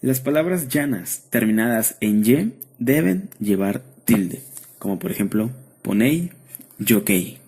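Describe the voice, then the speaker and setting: Husky-voiced man reading a lesson. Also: mid-range voice. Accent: Mexican. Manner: steady, measured reading of rules and word lists. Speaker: student presenter. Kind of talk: read-aloud lesson narration.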